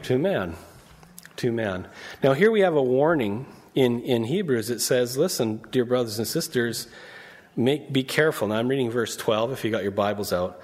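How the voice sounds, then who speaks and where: A man's voice: mid-range voice, animated, moderate pace. A male preacher giving a conversational sermon, often asking the congregation questions and reading verses aloud. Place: church.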